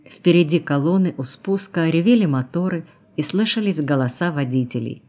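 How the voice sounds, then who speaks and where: A woman reading an audiobook in an even, measured way. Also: low-pitched. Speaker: audiobook narrator. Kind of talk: audiobook narration.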